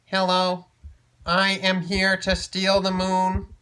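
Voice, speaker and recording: A man voicing a tiny robot who plans to steal the moon, speaking slowly. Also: sits high, completely flat delivery, pushed and bright, clean tone, pitched above the performer's own voice, full character voice. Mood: matter-of-fact. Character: tiny robot thief, calm and slow.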